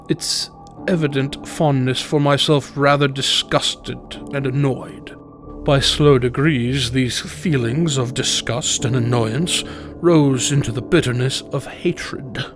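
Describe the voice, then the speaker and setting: A man's voice: mid-range voice, natural voice. Man acting theatrical tormented gothic horror narrator over music. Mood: bitter, disgusted. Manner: theatrical, formal, deliberate, with drawn-out phrases. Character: tormented male narrator confessing dark cruel deeds. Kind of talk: dramatic reading of a gothic horror story. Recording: music behind the voice.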